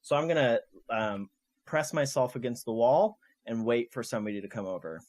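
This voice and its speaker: A man's voice: medium pitch, lively intonation, fairly quick, a little mellow, dry recording. A man playing a tabletop game casually, talking hesitantly with lots of ums and restarts. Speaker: player.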